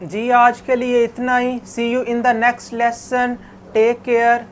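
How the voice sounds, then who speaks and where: A woman teaching an English lesson, reading English phrases slowly and explaining them in Urdu, asking and answering her own questions. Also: fairly high pitch, completely flat delivery. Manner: corrects pronunciation for students. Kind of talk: classroom lecture, translating English to Urdu. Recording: faint background noise.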